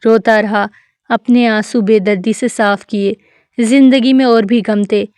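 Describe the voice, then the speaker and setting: A woman narrating a dramatic novel in a steady, even reading voice. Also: mid-range voice, clean tone, no room sound, clean studio sound. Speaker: novel reader. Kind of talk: scripted narration of a romance novel.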